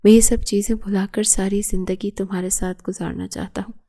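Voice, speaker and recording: An intense young husband pleads and insists on his love, voiced by a woman reading the novel. The pitch stays flat and even, with a soft, mellow tone. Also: lightly acted. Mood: tender.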